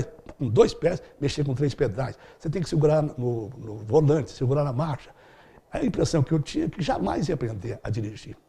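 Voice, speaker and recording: A man's voice: fairly high pitch, creaky, mellow, husky. A middle-aged man answering interview questions as a speed-reading instructor, explaining in a didactic way with vivid everyday examples.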